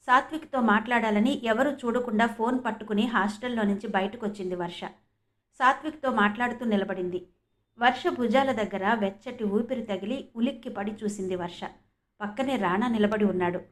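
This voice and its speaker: A woman from Andhra Pradesh narrating an audio novel in a steady, expressive storytelling voice. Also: on the high side. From Andhra Pradesh, India.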